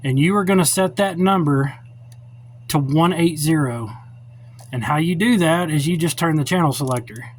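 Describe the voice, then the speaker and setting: In a noisy cell phone recording, the phone held or set up during filming, a middle-aged radio hobbyist walks through an unscripted, informal demonstration. His voice sits on the high side at a moderate pace, and he's blunt, plainspoken and full of opinions.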